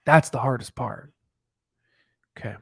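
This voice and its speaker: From his home studio, a thirtysomething man takes his time on a stock-analysis livestream, speaking close into a boom-mounted podcast mic with no echo. His slightly hoarse voice stays animated and emphatic as he repeats lines and slips into whispers.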